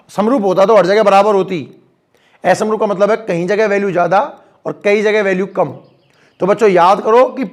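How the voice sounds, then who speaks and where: High-voiced physics teacher. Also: male voice. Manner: addresses students directly with frequent questions and encouragement. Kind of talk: classroom physics lecture. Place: school classroom with a board.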